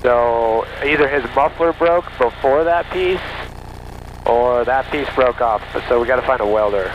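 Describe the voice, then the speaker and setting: A man in his thirties with a mid-pitched voice talks casually over clear engine noise in a small plane. He explains things plainly and a little haltingly through a headset mic. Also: highs cut off. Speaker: pilot and vlogger. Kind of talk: casual vlog chat. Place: small bush plane cockpit in flight. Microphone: aviation headset. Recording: noisy small propeller plane cockpit.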